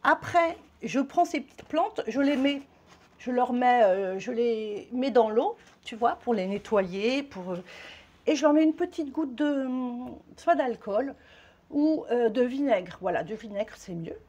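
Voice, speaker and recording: A woman's voice: on the high side, expressive, a little slow, a little mellow. A woman with a French accent chatting casually to camera as a vlogger, rambling and swearing lightly, a little out of breath.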